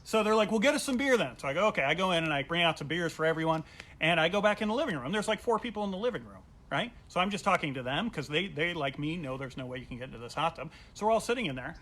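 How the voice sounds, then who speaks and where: A man's voice: fairly high pitch, fast talker. A male comedian telling a funny personal story at home, acting out the voices of the people in it. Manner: animated, acts out quoted voices. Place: at home during quarantine.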